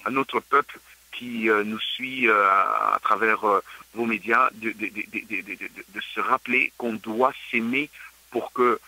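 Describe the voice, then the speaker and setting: A man's voice: lowish voice, fairly even intonation, unhurried, sharp tone, dry recording, low-quality recording. A man from Congo speaking earnestly as a radio guest and repeating words as he searches for them. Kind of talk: interview answers.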